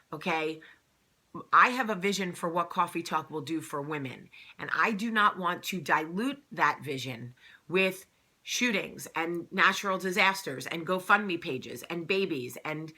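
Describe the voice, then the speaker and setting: Her voice is low with a sharp tone. Hosting her own vlog, she talks casually and earnestly right to the camera, stressing points, repeating phrases, and frequently saying "um."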